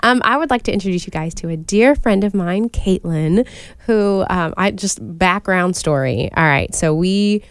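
Woman with a cold-roughened smoker's rasp, lowish voice. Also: expressive, moderate pace, no room sound, clean studio sound. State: recovering from a cold. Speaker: radio show co-host.

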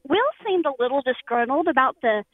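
A thin, dry phone line carries a high-pitched woman. She is a caller to a radio show, talking casually while at work. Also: animated, brisk, no room sound.

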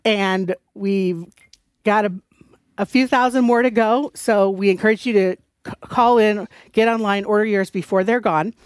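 A woman's voice: mid-range voice, fairly even intonation, moderate pace, clean tone, no room sound, studio quality. A woman from North Dakota with a slight, mixed North Dakota accent, speaking conversationally as a radio interview guest. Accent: North Dakota, mixed with other areas. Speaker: radio show guest, resource center director.

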